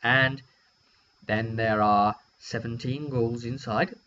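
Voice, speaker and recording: Recorded on a dull, humming lo-fi mic, this game master tells the story of a tabletop roleplaying session in a loose, wry, rambling style, performing brief quotes along the way. He speaks slowly in a bright, forceful voice of medium pitch with a steady tone.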